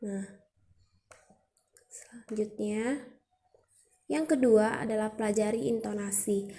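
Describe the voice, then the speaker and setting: A woman's voice: on the high side, warm tone, a little hiss or hum. A young woman presenting a student educational video, explaining patiently step by step and demonstrating sounds aloud.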